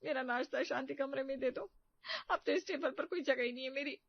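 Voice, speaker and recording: A woman's voice: sits high, brisk, dull audio, voice pushed up. A woman voicing a weary middle-aged mother-in-law. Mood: placating.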